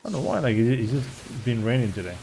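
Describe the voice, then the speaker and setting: A man's voice: medium pitch, lively intonation, fast talker, warm tone, a little hiss or hum. A man giving casual, rambling commentary as he streams a speedrun. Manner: rambling and chatty, with frequent restarts and "like".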